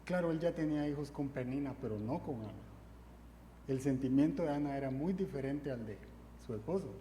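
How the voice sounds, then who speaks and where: A man's voice: mid-range voice, lively intonation, fairly quick, mellow. A man preaching a sermon, fervent and repetitive, driving his points home with refrains. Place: church hall. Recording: echoey hall, faint ambient noise.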